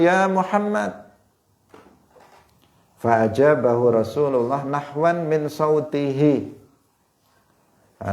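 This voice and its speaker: A man with an East Javanese accent teaching a hadith lesson to students, explaining slowly with rhetorical questions and frequent fillers. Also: mid-range voice, creaky, a little mellow. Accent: Indonesian, East Javanese. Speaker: religious teacher.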